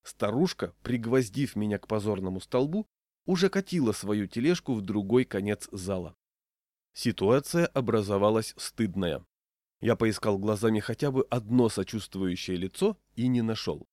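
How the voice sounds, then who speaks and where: A man reading a humorous first-person story aloud in a wry, deadpan manner. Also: fairly low pitch, normal speed, no room sound, studio quality. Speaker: narrator.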